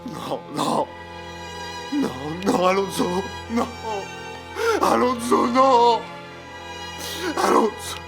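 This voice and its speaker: A gravelly general torn apart by grief. He pleads in anguish, and background music runs beneath every word. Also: a little high, slow. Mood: grieving. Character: grieving old general, father of dying son. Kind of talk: dubbed telenovela acting. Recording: music playing underneath.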